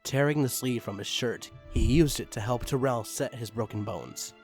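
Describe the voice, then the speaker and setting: Reading a dramatic story aloud as a scripted narrator, this man speaks at a normal speed with a medium-pitched voice, while background music runs under him.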